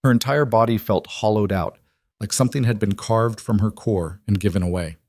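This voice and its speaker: Low-voiced man narrating a story. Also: fairly quick, no room sound, studio quality. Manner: even, dramatic storytelling.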